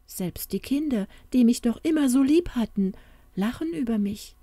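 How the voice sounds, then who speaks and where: A woman's voice: a little high, expressive, normal speed, warm tone, no room sound, pitched above the performer's own voice. A woman voicing a sad young woman who is the fairy tale itself, in a pleading, plaintive way.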